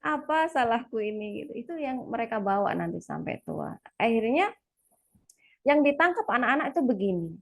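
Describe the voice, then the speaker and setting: A woman speaking to a live audience in a casual, confiding way, with a voice that sits fairly high. She is chatty and laughs often. She acts out quoted lines by jumping to a sudden, much higher voice. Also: lively intonation, fairly quick, gravelly. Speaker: speaker sharing parenting experience.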